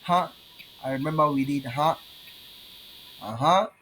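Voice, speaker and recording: A man with a Ghanaian accent teaching his language in an online lesson, patiently repeating words slowly. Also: fairly high pitch, a bit bright, a little hiss or hum.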